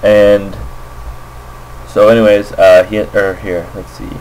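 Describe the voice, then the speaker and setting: Slow and flat, with a lowish, slightly mellow voice, a man narrates a game casually, faltering as he thinks things through. He's an amateur Go player recording a voice-over for a screen capture indoors on a makeshift computer microphone. There's a little hiss or hum, and the recording quality is low.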